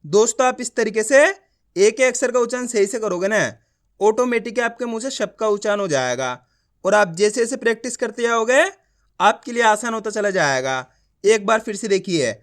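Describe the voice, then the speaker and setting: A man teaches a reading lesson. He sounds out each letter slowly and keeps asking if learners follow along. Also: sits high, fairly bright tone. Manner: slow syllable-by-syllable drilling, asks learners to repeat along; often asks whether it is clear. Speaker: Hindi teacher.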